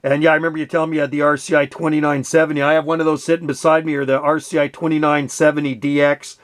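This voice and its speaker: A fast-talking man in his sixties or older, voice slightly high and delivery flat, hosts a radio channel as a hobbyist. He's chatting casually over CB radio, folksy and packed with radio slang.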